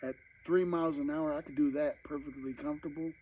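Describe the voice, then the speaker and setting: A man's voice: a little high, fairly even intonation, a little fast, darkish tone, rough recording. A man vlogging casually to camera while eating, rambling and talking with his mouth full, at home at night. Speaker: mukbang vlogger.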